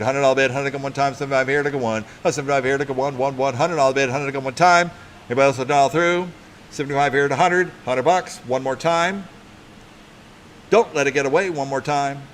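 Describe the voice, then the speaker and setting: A man working as a live auctioneer, calling bids in a rapid, repetitive sing-song chant. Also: medium pitch. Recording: clear background noise, live event.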